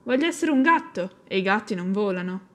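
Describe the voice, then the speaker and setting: A woman voicing a timid, stubborn young female seagull in a shrill, pleading voice. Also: expressive, a little fast, a bit bright, close to an everyday voice.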